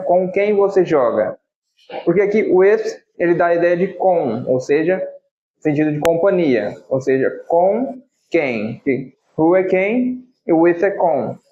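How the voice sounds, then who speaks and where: A man with a Brazilian accent teaching an English lesson, slowly repeating example phrases for practice. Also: on the high side, dark tone. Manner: slow, drawn-out model phrases repeated for practice. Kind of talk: language lesson. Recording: roomy, slightly dull recording.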